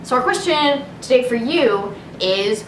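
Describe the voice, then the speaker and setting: Reading news on her casual show, a young woman takes an unhurried pace with lively intonation, tossing in sweary, sarcastic, irreverent remarks. She's heard from a distant mic in an echoey room where a noticeable rumbling noise persists.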